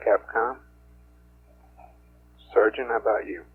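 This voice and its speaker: A man with a low, very even voice runs a procedural roll call as a flight director. He is brisk and businesslike, heard over mission control radio that is narrow and band-limited, with hum and hiss behind him.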